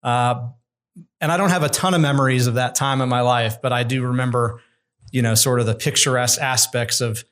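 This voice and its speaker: In a relaxed interview on a podcast, a middle-aged construction executive from the United States speaks as the guest. His manner is steady and measured, his remarks frank and considered, in a typical mid-range male voice.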